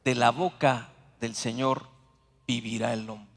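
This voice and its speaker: A man with a Mexican Spanish accent preaching a sermon as pastor, slowing down for emphatic scripture readings. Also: mid-range voice, level tone, a bit bright. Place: church sanctuary. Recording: long hall reverb.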